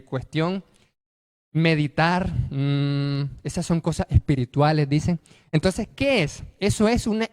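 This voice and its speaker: A male pastor, preaching a sermon in an animated way that rises to loud bursts. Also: a little high, clean tone. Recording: long hall reverb.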